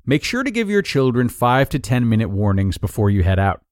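A man narrating an article of numbered tips in a clear, even, scripted read-aloud delivery. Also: mid-range voice, fairly quick, no room sound, studio quality.

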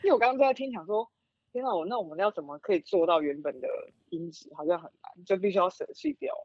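A woman's voice: on the low side, fast, a little mellow, no room sound, lo-fi sound. A woman with a Taiwanese accent chatting casually as a podcast co-host, recorded remotely at home on makeshift gear.

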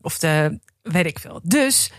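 A woman with a low voice co-hosting a podcast, telling stories in a dry, matter-of-fact way. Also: animated, takes it slowly, no echo. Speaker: podcast co-host. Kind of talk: casual chat.

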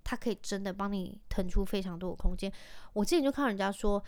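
A woman, a mother telling stories to her vlog audience in a lively, chatty way and mixing in English phrases. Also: mid-range voice, quick pace, no room sound. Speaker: vlogger and mother. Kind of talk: casual chatty monologue.

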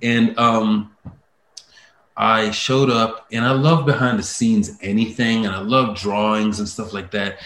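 A man, a voice-over artist and actor, telling stories as a guest in a casual interview, lively and laughing often, full of fillers and restarts. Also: lowish voice, a little slow, reverberant, slight background noise.

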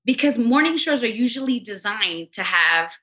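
A woman's voice: on the high side, expressive, normal speed, pushed and bright. A woman from Los Angeles, a radio co-host, chatting casually and emotionally as a podcast guest, full of "you know what I mean".

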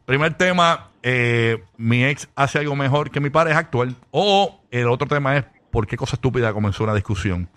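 A man's voice: mid-range voice, lively intonation, moderate pace, hardly any pauses, a bit bright. A man hosting a morning radio show, telling joking stories. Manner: joking storyteller, laughs at his own stories. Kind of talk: casual radio banter.

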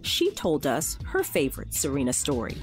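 A woman podcast host reading a scripted narration in a measured, expressive way. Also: deep voice. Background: faint music.

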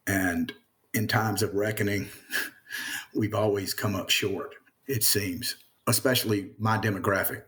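A man's voice: lowish voice, steady tone, unhurried, a bit bright. A man with a Southern American accent speaking earnestly as a podcast guest, often repeating words as he gathers his thoughts. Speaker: interview guest. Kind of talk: reflective conversation.

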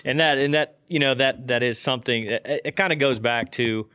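Man, podcast interviewer, smooth mid-range voice, informal, wordy, dry studio-like sound. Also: mid-range voice, normal speed, sharp tone, dry recording. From Indiana. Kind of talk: casual conversational interview.

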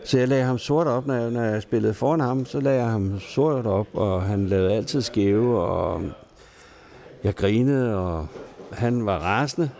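In a neighbourhood pub, a Danish man casually spins old pub anecdotes, chuckling now and then and talking in a salty, colloquial way. His voice is on the low side and a little mellow.

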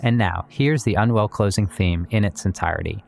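A man with a lowish voice and vocal fry presents himself as a composer and musician, explaining his work at a normal pace in scripted yet conversational podcast narration. Guitar and plucked string music plays under his voice.

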